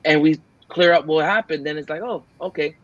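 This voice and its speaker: A man's voice: fairly high pitch, a little fast, dry recording, highs cut off. A man co-hosting a podcast, talking in an earnest, rambling way and acting out his own quoted lines. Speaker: podcast co-host. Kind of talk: casual podcast chat.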